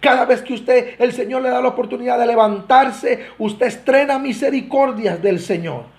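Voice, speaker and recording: A Costa Rican pastor with a notably high, slightly mellow voice delivers a sermon at a moderate pace in Costa Rican Spanish. He preaches earnestly, pressing his points and speaking directly to the congregation, his emphasis swelling and dropping as he stresses each call to holiness.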